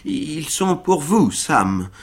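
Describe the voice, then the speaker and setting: A man voicing a nervous gentleman, shaking and pleading, in a storybook reading. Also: fairly high pitch, very animated, very slow, pitched above the performer's own voice, exaggerated voice. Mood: panicky. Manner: trembling, pleading. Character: nervous young gentleman, terrified novice skater.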